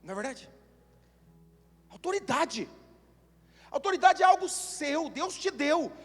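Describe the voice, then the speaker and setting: A Brazilian man preaching a sermon as pastor, telling animated stories and building up to shouts. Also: very high voice, measured pace, faint music behind. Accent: Brazilian Portuguese. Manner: animated storytelling, acts out voices, builds to shouting. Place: church hall. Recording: long church hall reverb.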